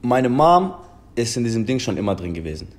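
In a casual video-call chat from a table in an indoor room, a young German rapper in his twenties speaks earnestly and often repeats "Bruder" to the interviewer. His mid-range voice is sing-song and fairly quick.

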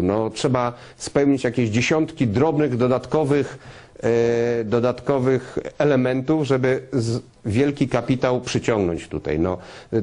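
A man answering in an unscripted TV interview as a business executive, halting and promotional, speaking directly to viewers. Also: medium pitch, a little mellow. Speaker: interview guest, trade fair business executive.

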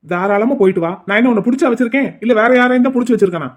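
A man voicing a gruff, stubborn middle-aged village husband in a cartoon, who scolds in quick, curt retorts. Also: extremely high pitch. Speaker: cartoon character. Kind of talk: cartoon voice acting.

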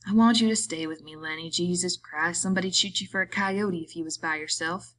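A woman voicing a gruff, quick-tempered grown man, a ranch hand with rough rural drawling speech. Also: on the low side, fairly bright tone, a little hiss or hum, lightly acted. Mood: gruffly softening.

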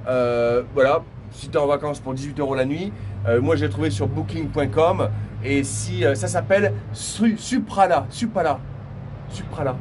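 A man's voice: a little high, noisy background. A young man vlogging casually as he walks through an apartment building, talking straight to the viewer with many fillers and restarts. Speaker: travel vlogger. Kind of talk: casual vlog tour.

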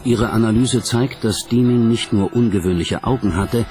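Background music sits under this narrator, a man reading a documentary script in a lowish, somewhat dark voice at a moderate pace.

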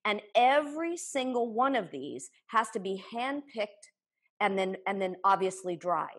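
With an expressive, unhurried, fairly bright mid-range voice, a cooking instructor in her forties leads a live demonstration in her home kitchen. She chops as she enthusiastically explains each step, captured by a camera a few feet away.

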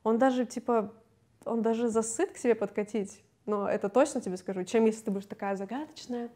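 Chatty young woman, slightly high voice. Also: steady tone, fast talker, dark tone. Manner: chatty, candid, laughs easily. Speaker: singer, interview guest. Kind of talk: casual interview chat.

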